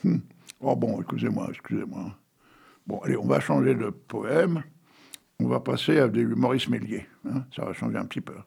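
Gravelly, husky man in his eighties. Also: mid-range voice, normal speed, a little mellow. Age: 80s. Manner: chatty and teasing, full of "hein" and "bon" fillers. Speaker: radio host. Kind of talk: casual radio chat with poetry readings.

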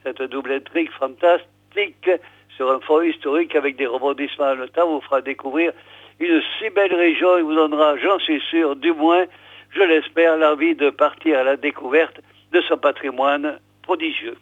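Reading from a book on his radio program, an older man speaks at a normal speed in a steady, rather high voice. He keeps stumbling over fillers like "euh" and "alors," and the audio is dry, echo-free and phone-like.

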